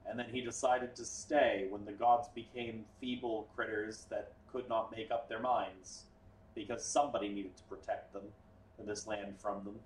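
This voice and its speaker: A man's voice: fairly low pitch, little pitch movement, moderate pace, a little hiss or hum. A man acting as game master, narrating a tabletop game in a casual, explaining way. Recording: echoey room, far from the mic.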